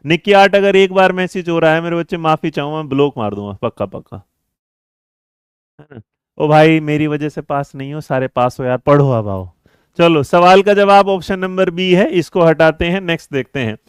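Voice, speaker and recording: Male exam-prep tutor, live online class; coaxing, quick to quiz students, slightly high pitch, smooth and resonant. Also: no room sound, studio quality. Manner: brisk, coaxing, calls students 'beta' and 'mere bachche'; reads and answers chat messages mid-lesson.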